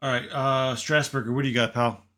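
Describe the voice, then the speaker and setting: A man's voice: mid-range voice, fairly even intonation, pushed and bright. Male host, casual, hesitant delivery, blunt wording. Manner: halting, filler-heavy, blunt. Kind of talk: casual chat.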